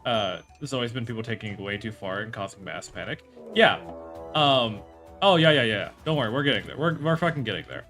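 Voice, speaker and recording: A man's voice: medium pitch, lively intonation, a little fast, fairly bright tone, soft background music. A man streaming live, talking casually and rambling, with many fillers, restarts and some swearing.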